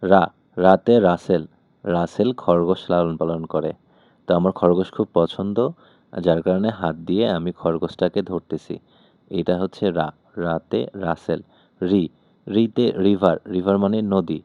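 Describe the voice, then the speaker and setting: A man's voice: low-pitched, fairly even intonation, moderate pace, mellow, lo-fi sound. A man teaching Japanese letters, patiently explaining step by step as he writes them out. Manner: patient, demonstrating while writing.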